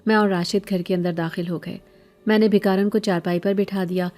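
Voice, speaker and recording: A woman telling a scripted horror story in steady, even narration. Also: medium pitch.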